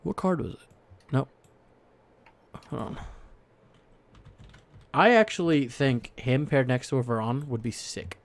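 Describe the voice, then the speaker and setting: Excitable young man chatting. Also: mid-range voice, a little slow, gravelly, long pauses. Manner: excitable, rambling, swears casually. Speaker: podcast co-host. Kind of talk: casual chat about football cards.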